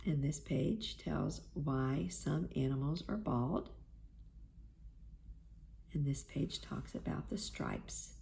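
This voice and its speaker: A woman reading a children's storybook aloud in a gentle, measured narration. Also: sits low, animated, vocal fry, slight background noise. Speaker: storybook reader.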